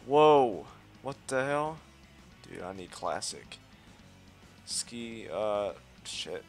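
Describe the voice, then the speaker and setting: Extremely slow and lowish in pitch, a man hosts a let's play with soft music behind him. He boasts and trash talks cockily during his live commentary, swears a lot, and yelps excitedly when things go wrong.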